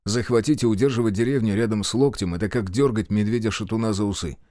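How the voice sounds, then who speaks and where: A man's voice: fairly low pitch, quick pace, mellow, dry recording, close to an everyday voice. A man voicing a dry, sardonic male partisan officer. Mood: wry.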